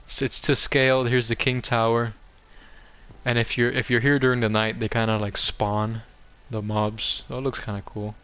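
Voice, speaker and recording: A young adult man hosting a gaming video offers casual, rambling, self-deprecating commentary as he tours a game. His mid-range voice is clear, resonant, and fairly bright, with little pitch movement and a moderate pace. Background music runs behind him.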